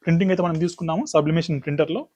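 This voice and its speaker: A man runs a hands-on product demonstration, listing items and steps in quick succession. His voice sits slightly high, and he talks at a very rapid clip. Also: fairly even intonation, a little mellow, highs cut off. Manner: rapid explanatory, lists items step by step. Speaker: business demo presenter.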